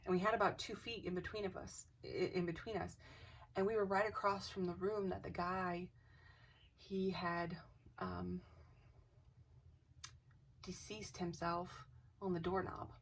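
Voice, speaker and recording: Lady recounting a haunting, breathy voice, acts out quotes, slips into whispers now and then. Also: fairly low pitch, measured pace, pauses often. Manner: animated, acts out quoted dialogue, drops into whispers. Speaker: craft channel host. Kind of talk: casual storytelling to camera. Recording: voice a bit distant from the mic.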